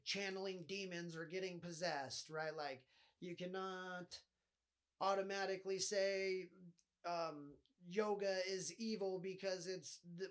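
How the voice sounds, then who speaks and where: Brief: fairly high-voiced nasal man, loose profane podcast monologue. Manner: rambling, swears often. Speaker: podcast host. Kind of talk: casual solo podcast monologue.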